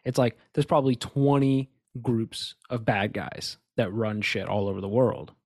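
On a dry, studio-quality recording, a podcast co-host with a fairly low pitch talks a little slowly through a casual conspiracy chat. He has the hiccups as he rambles, stresses his points, keeps restarting, and drifts into asides.

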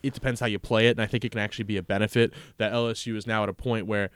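A man co-hosting a casual sports talk show, making quick points and wisecracks. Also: lowish voice, little pitch movement, fairly bright tone, smooth, dry recording, studio quality. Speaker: sports podcast co-host.

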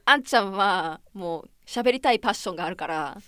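A woman's voice: medium pitch, lively intonation, fairly quick, fairly bright tone, dry recording, studio quality. A woman radio personality whose first language is English, chatting playfully with her co-hosts. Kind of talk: casual chat among co-hosts.

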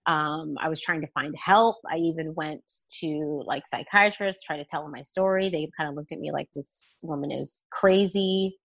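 Female interview guest, very low pitch, candid and halting, on a dry, slightly muffled recording. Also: fairly even intonation, fairly bright tone, no echo. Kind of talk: personal testimony in conversation. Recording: dull, lo-fi, close dry sound.

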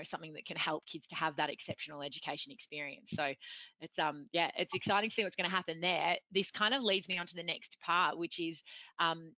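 Chatty woman host, bright voice. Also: on the low side, no echo. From from outside Europe. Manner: chatty, self-deprecating, rambling. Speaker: interview host. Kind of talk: casual interview chat.

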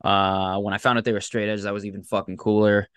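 A man with a lowish voice hosts a casual podcast chat. He talks in an enthusiastic, sweary, slangy way, recorded close and dry. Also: little pitch movement, fast, fairly bright tone, clear, resonant tone, no room sound. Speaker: podcast host.

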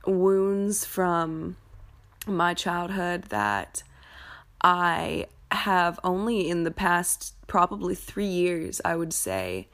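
Slow, creaky-voiced woman podcaster. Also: fairly low pitch, very animated, fairly bright tone. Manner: candid, informal, swears freely. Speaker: podcast host. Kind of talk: confessional personal storytelling podcast.

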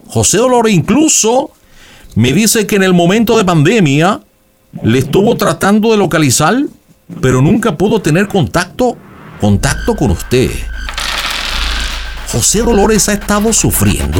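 With background music behind him, this call-in fortune teller is a man playing a theatrical psychic who reads cards and shells and asks sing-song leading questions. His high, sing-song voice comes a little slow, with a slight hiss or hum.

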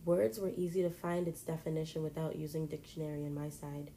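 A woman reads a first-person story aloud in a plain, steady way. Her voice is low and mellow, with faint noise in the background. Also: brisk, rough recording.

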